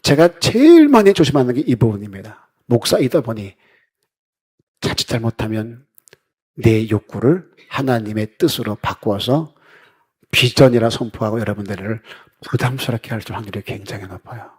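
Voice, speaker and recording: A middle-aged man preaching a sermon as pastor, talking to his congregation in a conversational way and dropping his voice low when he quotes others. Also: animated, normal speed, darkish tone, breathy edge.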